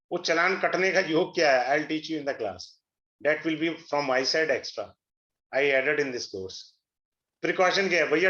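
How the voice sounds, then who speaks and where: A middle-aged man giving an astrology webinar, a persuasive, salesy pitch that mixes Hindi and English. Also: bright, forceful tone. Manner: switches between Hindi and English. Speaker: astrology teacher. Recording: echoey room, dull lo-fi sound.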